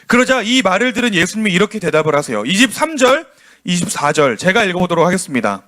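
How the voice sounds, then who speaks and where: A man preaching a sermon to children, telling the story in an animated way and asking the kids questions. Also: sits high, quick pace. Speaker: children's pastor.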